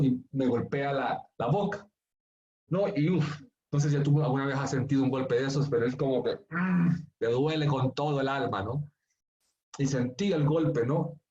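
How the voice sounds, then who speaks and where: Bolivian pastor guy preaching, medium voice, earnest, goes soft then pushes hard, kinda muffled lo-fi sound. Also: mid-range voice. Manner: earnest, swings from hushed tender storytelling to emphatic pleading. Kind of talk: sermon.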